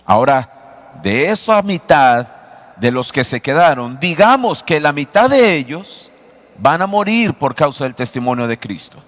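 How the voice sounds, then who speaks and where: A man preaching a sermon as pastor, asking the congregation rhetorical questions and shifting his pace from quick to slow. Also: a little high, sing-song, fairly bright tone, in a large hall. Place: church sanctuary.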